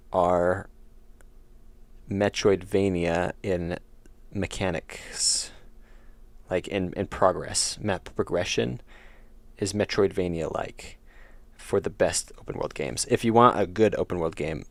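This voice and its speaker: Speaking slowly in a low, steady voice with no room sound, a young man answers his viewers' chat while streaming his indie game development. He's feeling slightly unwell and his voice is giving out, so his talk rambles with self-corrections.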